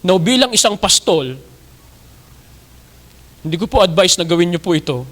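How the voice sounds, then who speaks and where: A man's voice: sits high, very animated, normal speed, a bit bright. A young adult male pastor with a Filipino accent, preaching a sermon in rising, emphatic bursts.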